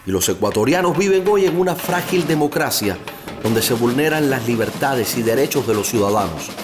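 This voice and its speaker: A man's voice: mid-range voice, lively intonation, fairly quick. A man narrating a documentary in a grave, accusatory scripted tone. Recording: music under the voice.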